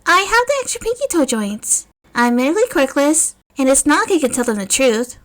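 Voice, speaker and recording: A woman voicing a small boy who is weary and resigned beyond his years, in a bright, chirpy manner. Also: high-pitched, sing-song, fairly quick, pitched above the performer's own voice.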